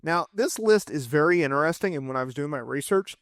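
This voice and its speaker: A man in his thirties hosting a casual wrestling list video, chatty and quick to correct himself. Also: on the high side, animated, fairly bright tone, no room sound, clean studio sound. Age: 30s. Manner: chatty, self-correcting, fan enthusiasm. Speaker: wrestling commentary host.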